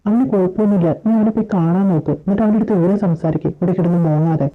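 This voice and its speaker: A woman's voice: fairly low pitch, rapid-fire. A woman acting out a fan-made audio story, dramatically switching between character voices. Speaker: storyteller voicing all characters. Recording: phone-like lo-fi audio with faint music.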